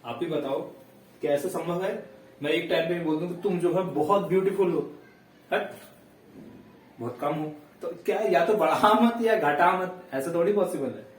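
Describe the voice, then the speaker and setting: A man's voice: on the high side, a little hiss or hum. Man teaching grammar in an echoey room. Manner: explains step by step, checks in with students; dictates sentences slowly word by word. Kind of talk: classroom grammar lesson. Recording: echoey room, voice heard from a distance.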